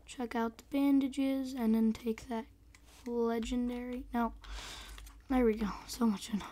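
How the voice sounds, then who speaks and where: A young woman with a hoarse, squeaky voice that breaks into a whispery rasp, giving excitable, chatty, casual commentary on a game. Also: measured pace, a little hiss or hum. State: hoarse, losing voice. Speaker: gaming video host.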